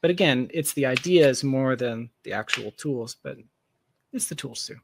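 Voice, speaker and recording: Some background noise accompanies this man's mid-range voice as he speaks at a moderate pace. Appearing as an interview guest, the software founder explains his work in a candid, casual manner with emphatic, self-deprecating comments.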